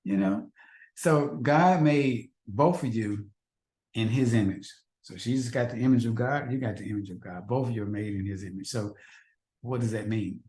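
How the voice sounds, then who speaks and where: A man's voice: lowish voice, moderate pace, a little mellow. A man teaching a faith-based marriage class, earnest and repetitive, asking the husbands in the audience rhetorical questions. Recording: echoey room.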